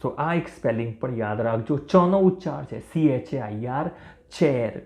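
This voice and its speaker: A man teaching English pronunciation to beginners, spelling out words letter by letter and repeating each one slowly and clearly. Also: medium pitch, expressive. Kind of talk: language lesson for beginners. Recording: roomy echo.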